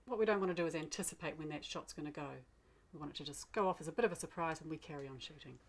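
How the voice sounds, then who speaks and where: Low-voiced Kiwi woman coaching archery. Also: rapid-fire. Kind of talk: step-by-step practical instruction.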